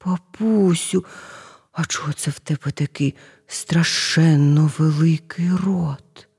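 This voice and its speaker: Lady voicing a shy little girl from a fairy tale, soft wondering questions, slow. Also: sits low, steady tone, gravelly, husky, exaggerated voice. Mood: timid.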